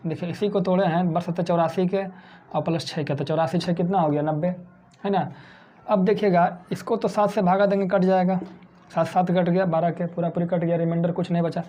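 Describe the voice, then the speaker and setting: A man's voice: high-pitched, steady tone, fairly quick, warm tone. A man from India teaching a math lesson for exam prep, who keeps asking his own questions and answering them.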